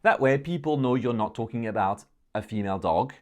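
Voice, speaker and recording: A man's voice: medium pitch, lively intonation, a little fast, darkish tone. A man speaking English as a second language, patiently explaining a point with examples like a public speaking coach. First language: not English. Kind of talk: explanatory talking-head lesson.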